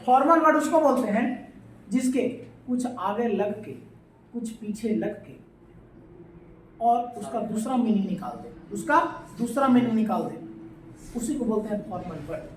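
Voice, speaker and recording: A woman's voice: a little high, lively intonation, normal speed, pauses often, a little mellow. A woman teaching a classroom grammar lesson, mixing Hindi and English, asking her class questions and repeating the answers. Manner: mixes Hindi and English phrases; scolds noisy students. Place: classroom with students. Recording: echoey room, voice from far off.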